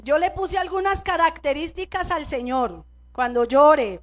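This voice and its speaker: A middle-aged woman pastor preaches with a Colombian accent. Her voice sits very high, and she talks to the congregation directly, drawing them in with calls for agreement and repeated amens between personal stories. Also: expressive, normal speed. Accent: Colombian Spanish. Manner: personal storytelling, congregation prompts with "amén" and "¿cierto?". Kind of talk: sermon. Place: church.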